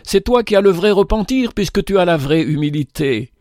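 A man's voice: high voice, expressive, moderate pace, a little mellow, no echo, studio quality, voice pushed up. A man voicing a fervent, kindly benefactor. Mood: joyful, fervent. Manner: exclaiming, raised and fervent. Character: kind, just male benefactor, fervent and generous.

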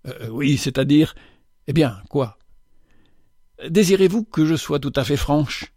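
Man reading as a composed young lady, light and firm, pitched up, dry close mic. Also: animated, measured pace, warm tone, no echo. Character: young woman, poised, lightly teasing, then firm. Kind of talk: audiobook dialogue reading.

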